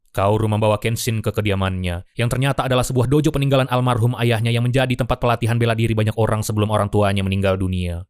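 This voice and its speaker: Fast-talking male storyteller, dry sound. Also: mid-range voice, no echo. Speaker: film recap narrator. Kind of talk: scripted storytelling narration of a film plot.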